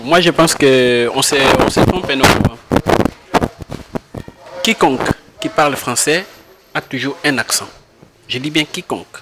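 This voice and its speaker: A man's voice: mid-range voice, moderate pace, long pauses, noisy background. A man, a panel guest making firm points. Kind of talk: debate discussion.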